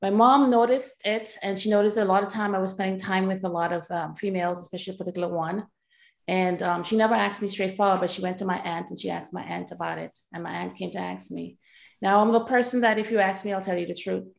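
A woman from Trinidad and Tobago, telling a personal story on a panel with hesitant pauses and frequent ums. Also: mid-range voice, steady tone, vocal fry. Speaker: panel speaker, leadership coach. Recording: echoey room.

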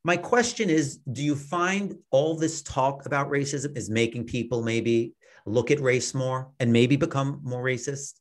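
A male talk show host puts a question to his guest, hesitant and halting, stumbling through filler words as he goes. His voice sits at a medium pitch. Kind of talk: conversational interview.

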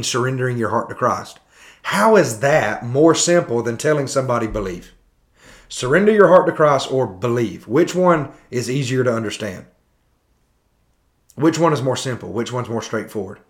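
Guy on a podcast picking apart a sermon, talks it through, mid pitch. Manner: conversational, repetitive questions, thinking aloud with restarts. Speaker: podcast host. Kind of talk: critiquing a sermon, podcast commentary.

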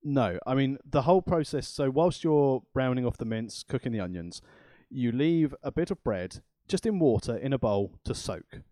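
A male co-host of a cooking podcast rambles in casual, chatty fashion, tossing in self-deprecating asides. His mid-range voice is mellow with lively intonation, his pace moderate, and there's no echo.

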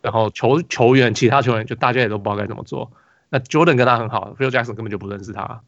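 A man with a Taiwanese Mandarin accent and a medium-pitched voice races through a rambling story on his casual basketball podcast, restarting often and filling gaps with fillers. There's no echo, but the high frequencies are cut off.

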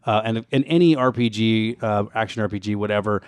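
A man's voice: fairly low pitch, brisk, smooth, no room sound, studio quality. A man co-hosting a casual retro gaming podcast, presenting background notes with wry, joking asides. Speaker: co-host giving game background.

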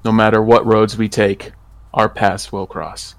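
In tabletop role-play, a man voices a polite, honourable werewolf traveler, speaking formally, solemnly and deferentially with a respectful mood. His lowish voice barely moves in pitch and stays unhurried, clean and free of room sound.

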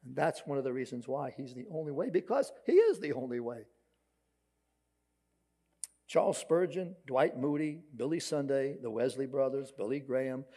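A man's voice: medium pitch, mellow. A man with a Brooklyn accent preaching a sermon as a pastor, emphatic yet conversational, posing rhetorical questions. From Brooklyn, New York.

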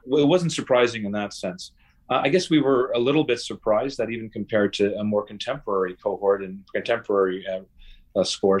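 A man interviewed as a guest researcher on a podcast, speaking in a measured way with frequent fillers and restarts. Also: on the low side, slightly rough.

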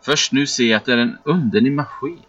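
A man telling a first-person story as scripted narration, in a measured, steady delivery. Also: medium pitch, slightly rough. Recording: dull, muffled recording with faint background music.

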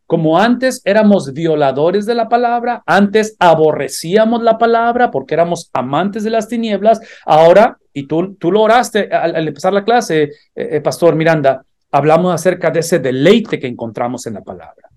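Man, Bible class teacher, fairly high voice, earnest, repeats phrases for emphasis. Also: expressive, moderate pace, darkish tone. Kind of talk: theological teaching.

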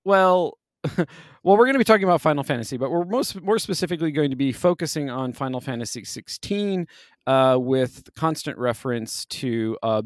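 A man co-hosting a podcast in casual chat, animated and often laughing. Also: mid-range voice, no echo, clean studio sound. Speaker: podcast co-host.

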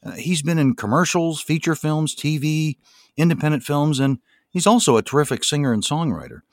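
A man's voice: on the high side, expressive, fairly quick, no echo, studio quality. A middle-aged or older man hosting a podcast, moving between presenting and interviewing a guest. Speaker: podcast host. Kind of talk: scripted podcast intro and interviewing.

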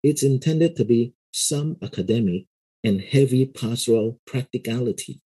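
A middle-aged man talks through his ideas in an unhurried, explanatory way, like a pastor who also teaches. His voice is mellow and warm, with a slightly husky grain. He speaks at a middle pitch and keeps dropping in a casual "you know". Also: expressive, rough recording. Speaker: pastor and seminary lecturer. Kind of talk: casual interview talk.

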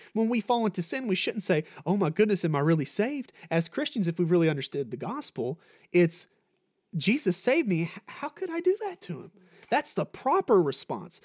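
A man preaching a sermon in a conversational way, asking the listeners questions and acting out short quoted lines. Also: sits high. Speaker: pastor.

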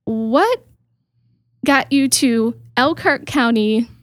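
A woman's voice: on the high side, very slow, no room sound, studio quality. A woman hosting an interview podcast, enthusiastic and chatty, with frequent fillers. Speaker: podcast host.

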